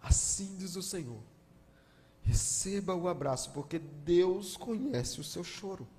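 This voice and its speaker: A guest pastor, preaching a sermon and telling stories, moving from hushed to loud emotional appeals. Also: male voice, high-pitched, expressive, a little slow. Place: large church hall. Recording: long church-hall reverb.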